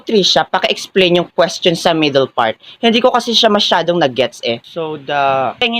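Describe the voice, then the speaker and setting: A comedy sketch performer voicing a group of bickering classmates and a teacher in skits, with rapid banter that mixes in broken English. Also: medium pitch, fairly bright tone, no echo, studio quality.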